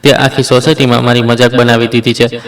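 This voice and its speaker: A man's voice: mid-range voice, little pitch movement, a little fast, close to an everyday voice. A man voicing a cruel, greedy son-in-law. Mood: menacing. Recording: roomy echo, distant mic.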